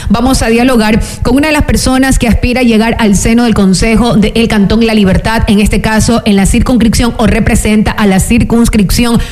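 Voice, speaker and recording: A woman's voice: on the high side, fairly even intonation, fairly quick, hardly any pauses, a little mellow. A woman hosting a radio interview in a formal announcer tone, often ending phrases with tag questions. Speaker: radio host.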